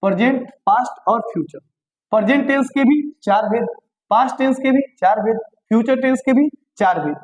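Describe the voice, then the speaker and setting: A man teaching English grammar, repeating lists aloud and asking the class quick check questions. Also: very high-pitched, rough recording. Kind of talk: classroom-style grammar lesson.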